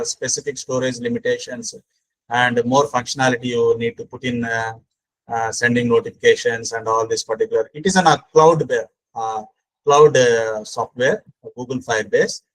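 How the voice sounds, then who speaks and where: A man's voice: mid-range voice, rough recording. A man with an Indian accent explaining as a lecturer in an online session, emphatic and repetitive, often addressing the listener as sir. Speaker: speaker at a faculty training session. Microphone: online call microphone.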